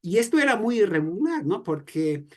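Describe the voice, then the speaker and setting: A man's voice: high-pitched, sing-song, moderate pace, a little mellow. A man with a Mexican accent leading an informal church reflection. He talks conversationally, asks rhetorical questions and tags sentences with "¿no?". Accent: Mexican Spanish. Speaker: Bible study leader.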